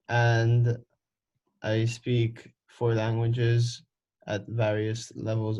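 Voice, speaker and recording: A man's voice: medium pitch, darkish tone. A young man giving a matter-of-fact student self-introduction. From Hungary. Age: young adult. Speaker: student presenter. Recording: dull lo-fi recording.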